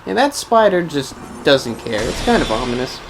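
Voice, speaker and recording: A man's voice: fairly high pitch, very animated, normal speed. A man giving casual, rambling gameplay commentary as host, musing wryly as if to himself. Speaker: gaming video host. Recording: clearly noisy background under voice.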